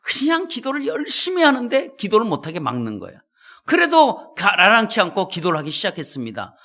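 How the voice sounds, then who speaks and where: Lively, high-voiced male pastor preaching. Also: brisk. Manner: animated storytelling, addresses congregation. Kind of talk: sermon.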